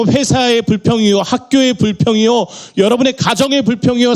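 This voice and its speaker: A middle-aged male pastor delivering a sermon, rising into emphatic peaks and dropping into quiet, prayerful asides. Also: very high-pitched.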